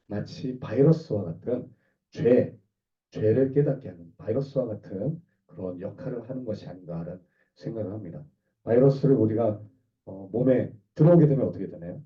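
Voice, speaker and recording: Hoarse male pastor preaching from afar. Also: mid-range voice, animated, normal speed, distant mic, dull audio. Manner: conversational preaching, asking the congregation questions. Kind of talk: sermon. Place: small church hall.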